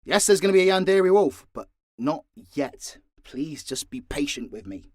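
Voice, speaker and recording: A slightly high, animated male voice with a darkish tone, moving at normal speed, comes through at studio quality with no room sound. He is an audio drama creator speaking unscripted to listeners, answering them bluntly, cursing, and acting theatrically fed up.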